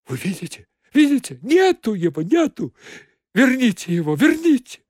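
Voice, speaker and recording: A shrieking young secretary, on the edge of tears, as a man puts her on in an audiobook. The voice leaps high and swings wildly in pitch. The recording is close and dry. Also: animated, extremely slow, a little mellow, no echo, exaggerated voice. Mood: frantic. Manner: shrieking, sobbing, breathless. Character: hysterical young woman secretary, shrill and tearful.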